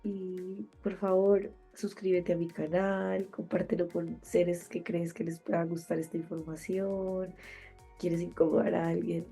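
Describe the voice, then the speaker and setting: A woman's voice: fairly low pitch, little pitch movement, measured pace, creaky, dark tone, slightly rough, faint music behind. A woman with a nasal, blocked-nose voice gives a spiritual motivational monologue as a podcast host, speaking in emphatic, repeated phrases.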